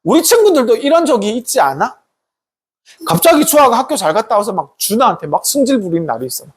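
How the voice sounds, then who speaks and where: Pastor, youth sermon, animated storytelling, swooping intonation, a bit husky, keeps asking the kids questions. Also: mid-range voice, quick pace. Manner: animated, asks the kids questions often, tag questions. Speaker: pastor preaching to a youth group.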